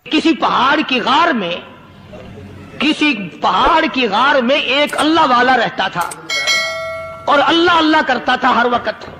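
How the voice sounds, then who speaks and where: A man's voice: very high voice, expressive, background noise. A man preaching a sermon, telling a story emphatically with rhetorical questions.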